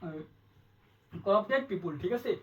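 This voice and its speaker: A man teaching an exam-prep grammar lesson, quick and repetitive, asking his students questions again and again. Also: high-pitched, lively intonation, fairly bright tone, far from the mic, low-quality recording. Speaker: English tutor.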